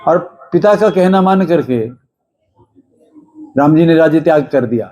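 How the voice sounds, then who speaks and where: A man's voice: on the high side, measured pace, warm tone. A man giving a devotional discourse, asking his listeners rhetorical questions and chanting scripture verses now and then. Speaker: religious storyteller.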